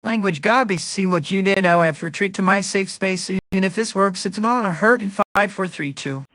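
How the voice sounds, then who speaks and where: A man's voice: high voice, moderate pace, sharp tone. A man playing a young, earnest, wisecracking superhero in a comic dub, quippy and urgent. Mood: cocky, quippy. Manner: quippy, urgent, self-narrating.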